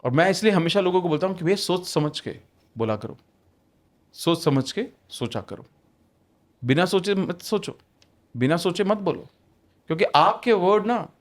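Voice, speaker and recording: A man's voice: high-pitched, lively intonation, moderate pace, pauses often. A man talking as a podcast guest in casual conversation, emphatic and repeating phrases for stress, often switching into English. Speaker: podcast guest, manifestation author.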